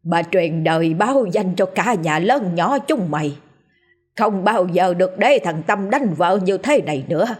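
A woman putting on a husky old grandmother. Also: lowish voice, expressive, measured pace. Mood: scolding. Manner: scolding, lamenting, rustic. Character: old grandmother, miserly and fretful, prone to wailing.

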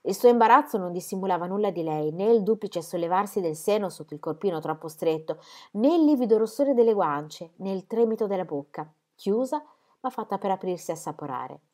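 A woman reading a novel aloud as narrator in a calm, measured way. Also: mid-range voice. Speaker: reader. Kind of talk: scripted narration.

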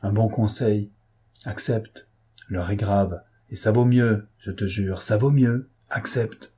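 A man's voice: fairly low pitch, fairly even intonation, slow, mellow, husky, full character voice. A man playing a brutal, menacing baron. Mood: urgent. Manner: threatening, insistent.

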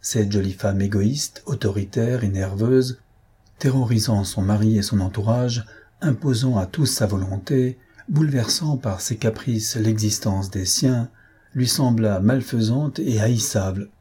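A man narrates a classic novel in a measured, even way. His voice sits low and dark, with a husky grain to it. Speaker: audiobook reader.

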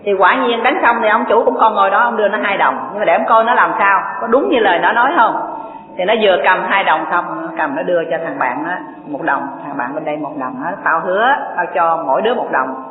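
A woman's voice: mid-range voice, quick pace. A woman gives a folksy Buddhist dharma talk, telling stories and asking the audience questions. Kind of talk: sermon with storytelling. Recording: tinny, echoey hall recording.

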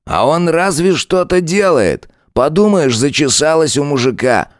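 A man's voice: fairly high pitch, very animated, measured pace, dry recording, voice pushed up. A sneering, cruel police lieutenant with a raised, taunting voice, as a male narrator puts him on. He jeers and threatens in a dry, close recording. He is an audiobook figure. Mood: menacing.

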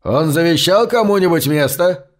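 A man's voice: on the high side, animated, normal speed, pitched above the performer's own voice, lightly acted. A man voicing a stern policeman who barks short orders, in an audiobook reading. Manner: barking orders.

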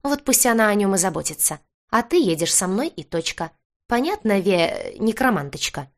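A woman's voice: medium pitch, sing-song, normal speed. A woman voicing a scheming werewolf man who talks in a mocking, self-satisfied way in an audiobook reading.

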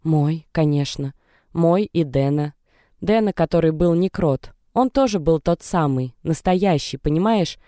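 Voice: medium pitch, measured pace, dark tone, no echo, clean studio sound, lightly acted. Narrator voicing a tearful, defiant young woman. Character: young distressed pregnant woman. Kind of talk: audiobook character reading.

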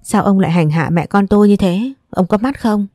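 A woman reading as a tearful, hoarse mother. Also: mid-range voice, fairly quick, dark tone, no room sound, clean studio sound, lightly acted. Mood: anguished. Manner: pleading, anguished. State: hoarse from crying. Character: distraught mother, tearful and frantic.

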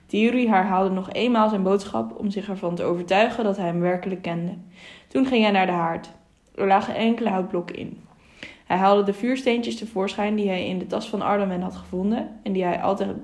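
A woman narrating an audiobook in a steady, measured reading voice, with small self-corrections. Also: mid-range voice. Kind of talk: storybook narration.

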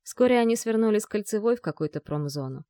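A woman's voice: medium pitch, no echo. Woman reading an audiobook, mid voice, very dry mic. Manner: measured, expressive reading. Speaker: narrator. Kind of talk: audiobook narration.

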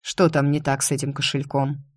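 A woman voicing a courteous aristocratic male rector who speaks in a measured, lazily haughty way. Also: very deep voice, little pitch movement, dry recording, clean studio sound. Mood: exasperated.

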